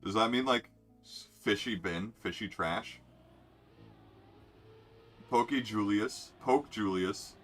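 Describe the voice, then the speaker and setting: A young man with a lowish, slightly bright voice talks slowly and pauses often while streaming a racing game. He rambles and jokes as he reads out player names, and faint music plays behind him in this casual live game commentary.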